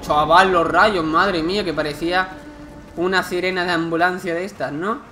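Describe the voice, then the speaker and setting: A man's voice: sits high, steady tone, moderate pace, sharp tone, a little hiss or hum. Joking man from narrating gameplay. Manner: chatty, joking, exclaims at the game. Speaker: gameplay commentator. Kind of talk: casual let's-play commentary. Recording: game music behind the voice. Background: game music.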